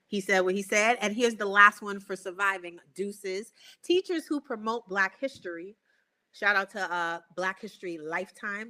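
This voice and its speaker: A woman's voice: medium pitch, pushed and bright. A woman hosting a podcast, talking in an emphatic, playful and slangy way. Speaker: podcast host. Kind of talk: casual podcast chat.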